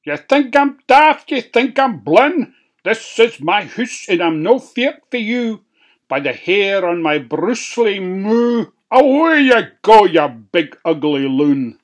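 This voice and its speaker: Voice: medium pitch, very animated, slow, voice pushed up. A narrator voicing a grumpy, cocky little pig in a Scottish storybook tale, talking back defiantly. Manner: defiant and cheeky.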